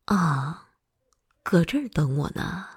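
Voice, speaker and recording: A woman's voice: on the low side, sing-song, slow pace, darkish tone, exaggerated voice. A woman voicing a hot-tempered but doting older girlfriend in whispered role-play. She swears freely and swings between scolding and coaxing. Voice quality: very breathy, husky.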